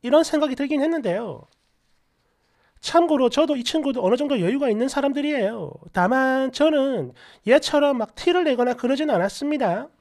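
Brief: an indignant, sarcastic woman storyteller with a bright, animated, high-pitched delivery. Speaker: story narrator. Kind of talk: first-person story narration.

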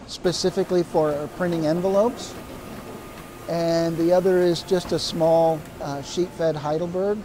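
A man giving a guided tour of a print shop, explaining each area slowly with pauses and fillers. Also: high-pitched, noisy background. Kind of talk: guided facility tour narration.

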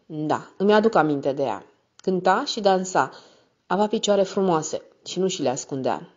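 A woman's voice: lowish voice, animated, a little mellow. Woman reading as a boozy coarse older woman. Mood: coarse, tipsy. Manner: thick boozy voice, rough slangy talk. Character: drunk coarse older woman, suspicious, greedy for whisky. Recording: slightly muffled recording.

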